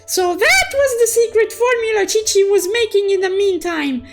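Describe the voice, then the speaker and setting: Over background music, a woman narrates an animated recap of a game's story in the persona of an excitable, childlike cartoon unicorn, speaking of herself in the third person. Her voice is extremely high and moderately paced, cutesy and playful, packed with exclamations and sound effects.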